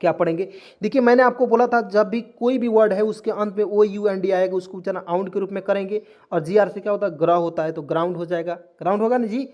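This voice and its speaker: This man talks fast in a high voice with hardly any pauses, and the audio sounds dull. He's teaching English spelling and pronunciation online, treating viewers as friends, working through it word by word and repeatedly answering his own questions.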